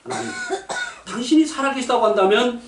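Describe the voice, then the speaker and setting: A man giving a lively testimony at a gospel meeting, telling stories with shouted punchlines and laughter. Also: very high voice, fairly quick, background noise. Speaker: lay preacher giving a testimony. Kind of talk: sermon testimony. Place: church meeting hall. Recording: echoey hall, mic from a distance.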